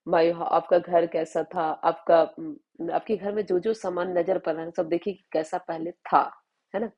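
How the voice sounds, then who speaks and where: A woman with an Indian accent, teaching spoken English in Hindi, reading example sentences slowly and often checking in with her students. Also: lowish voice, fairly even intonation, darkish tone, lo-fi sound. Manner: explains slowly, often asks "है ना?".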